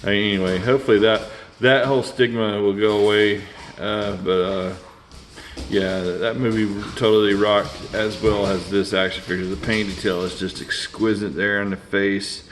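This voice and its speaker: Man, 40s, very low voice, rambling unscripted toy-review delivery full of "uh"s, faint hiss behind. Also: steady tone, moderate pace. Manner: rambling, many fillers and restarts.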